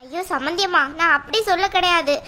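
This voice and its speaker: A woman voicing a gentle, apologetic middle-aged mother of the groom in a cartoon. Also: very high-pitched, quick pace, a little hiss or hum. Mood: soothing. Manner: soft, apologetic, soothing. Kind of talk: cartoon voice acting.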